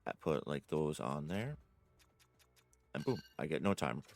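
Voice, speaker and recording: A man's voice: extremely low pitch, big pitch swings, unhurried, faint music behind. A man giving a casual, rambling game tutorial from home, often correcting himself and filling gaps with "like" and "uh". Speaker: gaming guide creator. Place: home room.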